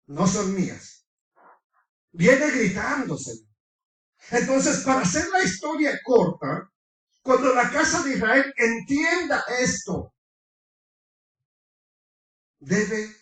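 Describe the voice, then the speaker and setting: A man preaching a fervent sermon, quizzing his congregation and breaking into shouts. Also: very high-pitched. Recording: echoey room, far from the mic.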